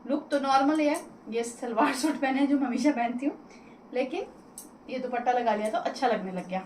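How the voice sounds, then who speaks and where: A talkative woman, speaking straight to her viewers in a home vlog. Her voice sits a little high, and it bounces around an echoey room with a faint hum of ambience behind her. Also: normal speed, darkish tone. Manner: chatty, addresses viewers directly. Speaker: vlogger. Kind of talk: casual home vlog chat.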